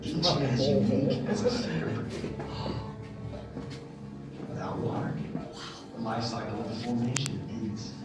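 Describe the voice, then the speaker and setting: A man giving a measured, scripted narration, played over speakers and echoing through a cave. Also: medium pitch, expressive, recorded from a distance. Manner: measured, informative delivery. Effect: cave echo, played over speakers. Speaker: recorded tour narrator. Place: speakers inside a large cave. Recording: echoey cave playback from afar. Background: music.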